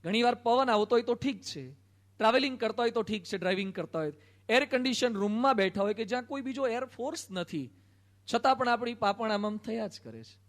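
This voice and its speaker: High-voiced Gujarati monk preaching. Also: male voice, expressive, a little fast. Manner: storytelling with quoted dialogue and humor. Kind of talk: sermon. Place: assembly hall.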